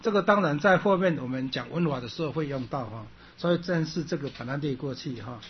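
A man teaching a Sanskrit class, repeating his points, clearing his throat often and ending phrases with a drawn-out "ha". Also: a little high, animated, lo-fi sound, slight background noise. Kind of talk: classroom lecture.

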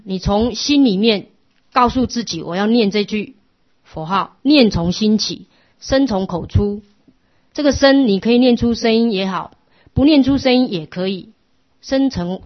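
A middle-aged woman, giving a patient, instructive Buddhist class lecture that often drops to a soft hush. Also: mid-range voice. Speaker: Buddhist teacher. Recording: lo-fi muffled recording.

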